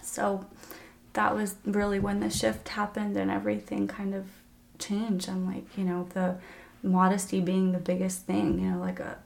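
A woman in her thirties, a podcast guest, earnestly telling her personal faith story in a halting, emotional way. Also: mid-range voice, creaky, a little mellow. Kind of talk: candid personal faith testimony.

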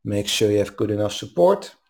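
A man leading a guided meditation as a teacher, speaking in a calm, soothing manner with long pauses. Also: fairly low pitch, creaky. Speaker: meditation teacher leading a live online session.

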